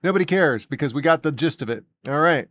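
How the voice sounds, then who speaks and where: An excitable male game streamer chatting through his gameplay, tossing out loud exclamations and trailing asides. His voice sits slightly high for a man and sounds dry and close, with no room around it. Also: quick pace, dry recording. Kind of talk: casual live gameplay stream.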